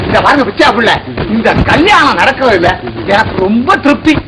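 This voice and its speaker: A man's voice: extremely high pitch, lively intonation, a little fast, noisy background. An actor playing a fussy, boastful village father of the bride in a 1960s film, talkative and self-important.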